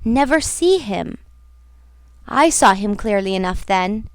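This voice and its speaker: A woman reading a classic novel aloud as an audiobook narrator, in a measured, somber manner. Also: medium pitch, lively intonation, smooth, dry recording. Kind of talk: scripted narration.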